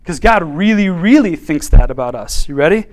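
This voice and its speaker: A man teaching a Bible class in an informal, animated way, acting out quotes and laughing often. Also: a little high, normal speed.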